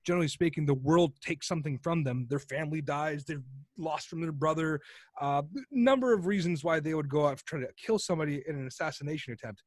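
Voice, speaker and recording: A man with a high, light voice talks in a loose, rambling way on a casual podcast. He swears freely and slips into the voices of the people in his stories. The sound is dry and close, with no room around it. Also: fast talker, no echo. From United States. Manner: rambling, profane storyteller who acts out quoted characters. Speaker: podcast co-host. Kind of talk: casual chat.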